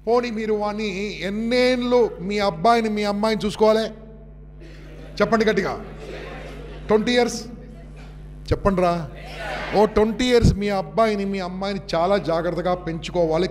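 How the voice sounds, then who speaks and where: Brief: high-pitched male motivational speaker, commanding and rousing, long hall reverb. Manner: commanding, rousing, mixing English into Telugu. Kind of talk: motivational seminar talk to students.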